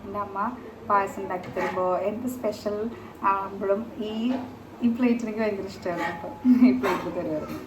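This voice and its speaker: A woman's voice: medium pitch, steady tone, a little fast, noisy background. A woman in her thirties chatting casually to camera at home as a family vlogger, rambling along with many hesitant filler sounds. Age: 30s.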